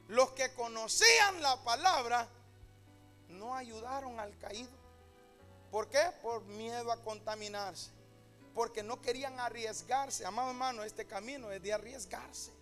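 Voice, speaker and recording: A male pastor preaching a sermon in a church, telling a story and rising to shouts and half-sung lines. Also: very high-pitched, moderate pace, soft background music. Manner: shouting and half-singing at climaxes, retelling a story with quoted voices.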